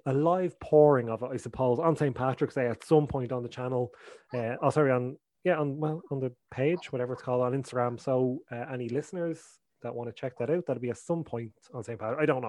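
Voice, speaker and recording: A man's voice: mid-range voice, a little mellow, no echo. Man, podcast co-host, loose rambling delivery, dry close sound. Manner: rambling, filler-heavy, jokey. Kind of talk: casual podcast chat.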